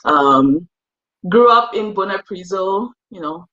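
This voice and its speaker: A woman's voice: medium pitch, lively intonation, slow pace, fairly bright tone, muffled recording. A young woman from Cameroon, a guest in a casual interview, talking in a chatty, self-deprecating way and laughing easily. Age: young adult.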